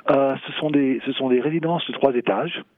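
A man in answers interview questions haltingly, searching for words and repeating himself. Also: mid-range voice, no echo. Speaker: property developer, executive interviewee. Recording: thin phone-like sound.

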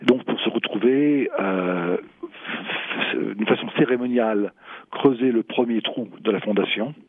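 A low-voiced man in gives unscripted interview answers. His voice is husky and he speaks haltingly, often repeating words as he searches for the next one. The sound is thin and phone-like. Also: no room sound. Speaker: property developer, executive interviewee.

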